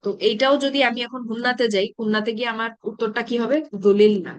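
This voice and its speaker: A woman with a fairly high voice leads an online grammar lesson. She talks patiently, keeps checking that her students follow, and recites verb forms one by one. The recording sounds close and dry. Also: fairly even intonation, no room sound. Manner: patient, checks understanding often, recites verb patterns slowly. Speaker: Arabic grammar teacher. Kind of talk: live online class teaching.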